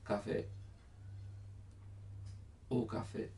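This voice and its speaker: A man's voice: very slow, dark tone, far from the mic. Italian-accented man teaching, heard from afar. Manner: simple broken phrasing, voices sung examples. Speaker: language teacher. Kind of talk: explaining song lyrics.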